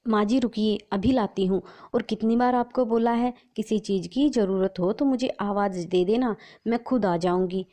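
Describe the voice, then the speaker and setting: A woman's voice: medium pitch, normal speed, hardly any pauses, mellow, close to an everyday voice. A woman voicing a scheming young daughter-in-law with an impatient, scolding manner. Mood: falsely sweet. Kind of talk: storybook narration.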